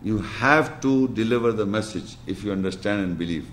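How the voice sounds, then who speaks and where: A man's voice: lowish voice, moderate pace, a bit bright, echoey room, a little hiss or hum. A man preaching a sermon, speaking emphatically and reciting scripture in chanted Arabic, his voice climbing when he quotes. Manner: emphatic, voice rising sharply when quoting.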